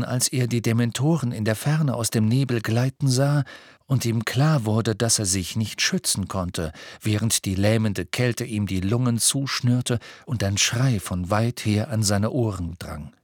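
A man narrating an audiobook with steady, measured storytelling. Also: medium pitch, dry recording, studio quality. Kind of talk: scripted narration.

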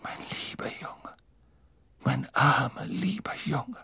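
A theatrical, mystical woman seer, put on by a male narrator. Her voice sits high and husky, dropping into breathy whispers full of doom. The delivery is grand and eccentric, straight from a fantasy audiobook. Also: slow pace, bright, forceful tone, dry recording, full character voice. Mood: ominous whisper. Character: dramatic eccentric female seer teacher, mystical. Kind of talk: audiobook reading.

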